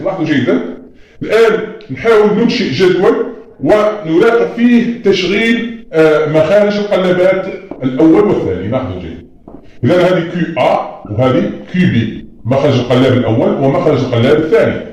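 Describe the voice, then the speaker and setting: A man's voice: fairly high pitch, a little mellow. A man teaching a lesson, patiently explaining at a board and often telling students to look closely. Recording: very echoey room.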